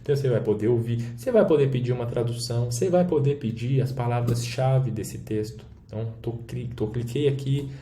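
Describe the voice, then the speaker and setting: The speaker, a man with a Brazilian Portuguese accent, runs a screen-share demo lesson, teaching a language while showing an app casually and checking in frequently. He talks fairly quickly in a dark, mid-range voice with hardly any pauses. Faint background noise and a roomy echo are audible.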